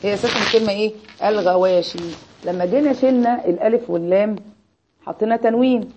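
A slightly high-voiced Egyptian woman races through an Arabic grammar lesson, quizzing her students over and over with "what?" in call-and-response fashion. The recording is muffled, and the background is noisy.

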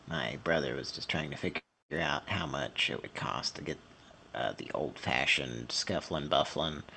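A deep-voiced man with a scratchy throat leaves a slow, deadpan voicemail. His voice is gravelly and low, and he speaks in an unhurried, mock-earnest tone as a prank caller. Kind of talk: leaving a voicemail.

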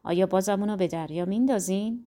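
A woman's voice: medium pitch, warm tone, lightly acted. A woman reading a storybook, voicing a proud young prince who answers back indignantly. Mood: commanding. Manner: indignant, quick retorts.

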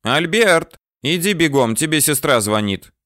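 A man performs a grumpy old woman, scolding and cranky, in a voice pitched above his own. It is high, expressive, slightly slow, and fairly bright, on a dry, clean studio recording.

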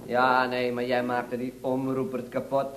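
A man's voice: mid-range voice, monotone, measured pace, natural voice. An actor playing a blunt, teasing male coworker in a 1960s radio comedy.

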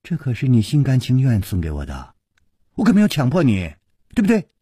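A smug little servant boy, acted by a male storyteller teases and sneers, sliding between a low murmur and bright jabs. The husky voice is close and dry. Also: wildly swooping pitch, a little fast, no room sound. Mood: sly, teasing. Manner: teasing, smug, soft sneering asides. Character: sly, mocking boy servant.

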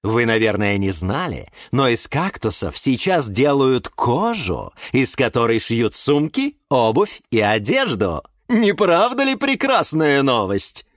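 A man's voice: medium pitch, big pitch swings, unhurried, few pauses, no room sound, studio quality. A man reading a children's audiobook voices a cheerful male TV cooking-show host with upbeat presenter patter.

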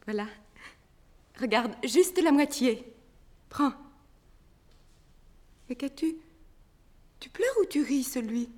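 An actress playing a fragile, frightened young female circus rider, breathy and often dropping to a whisper. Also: high voice, animated, takes it slowly, long pauses, a little mellow, full character voice. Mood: playful. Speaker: Consuelo. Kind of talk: 1960s French radio drama acting.

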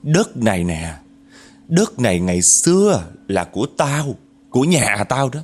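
A man voicing a vengeful, wronged female ghost, speaking in a deep raspy voice with bitter, accusing growls. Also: big pitch swings, moderate pace, soft background music, full character voice. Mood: grieving, accusing. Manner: bitter, accusing, growling through clenched teeth.

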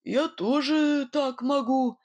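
A woman voicing a gruff, boastful male robber whistler in a storybook reading, blustering and later menacing. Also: sits high, slow, darkish tone, dry recording, voice pushed up. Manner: blustering, then grim and menacing. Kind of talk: audiobook character voice.

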